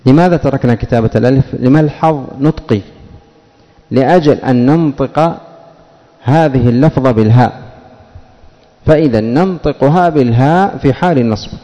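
Dark-voiced man teaching grammar, echoing room. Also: mid-range voice, highs cut off. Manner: asks questions and answers them himself; slows and stresses example words. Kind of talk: classroom lesson. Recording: long reverb.

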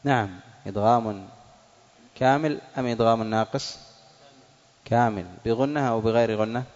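Male recitation teacher, mid-pitched. Drills his examples slowly and quizzes the class. Dull recording with a long hall echo. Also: darkish tone. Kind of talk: classroom lesson on recitation rules. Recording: dull audio in a reverberant hall.

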